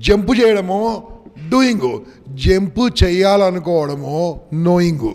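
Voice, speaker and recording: Brief: high-pitched male motivational speaker, commanding and rousing, long hall reverb. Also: animated, a little slow, vocal fry, a little mellow. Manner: commanding, rousing, mixing English into Telugu. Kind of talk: motivational seminar talk to students.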